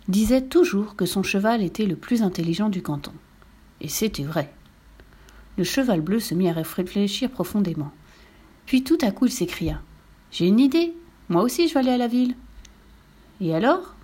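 A woman reading a children's story aloud in a lively, playful way, speaking to her listeners. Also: mid-range voice, slightly rough.

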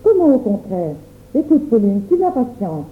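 A woman's voice: fairly high pitch, big pitch swings, moderate pace. A stern mother who scolds sharply and demands answers, voiced by a woman reading a story. The recording sounds thin and narrow, like a phone call. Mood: demanding. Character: stern, quick-tempered mother. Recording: tinny phone-like audio.

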